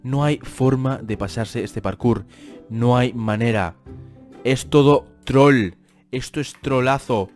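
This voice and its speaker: A man's voice: medium pitch, slow, darkish tone, faint music behind. A young man with a Spain Spanish accent giving gameplay commentary, exasperated and complaining, with dramatic outbursts. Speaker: gaming youtuber.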